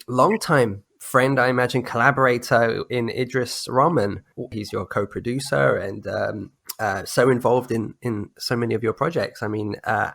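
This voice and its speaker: A male podcast host with a gravelly edge, stumbling through compliments as he searches for the right word. His voice sits at a middle pitch. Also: a bit bright. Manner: hesitant, searching for words, appreciative. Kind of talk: casual interview chat.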